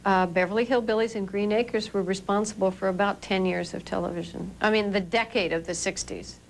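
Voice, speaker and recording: A woman's voice: medium pitch, steady tone, a little fast, gravelly. Chatty woman interviewee, noisy room. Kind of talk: casual interview. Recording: noticeable background noise.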